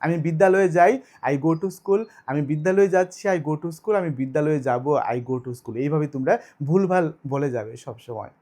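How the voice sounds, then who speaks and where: A man's voice: fairly high pitch, brisk, dark tone. A man teaching English grammar in an online video lesson, explaining step by step and asking and answering his own questions.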